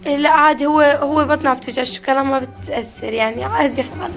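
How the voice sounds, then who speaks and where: A woman's voice: high voice, fairly even intonation, very fast, vocal fry. A young adult woman, hosting a family prank vlog at home, fussing and doting as she talks. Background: background music.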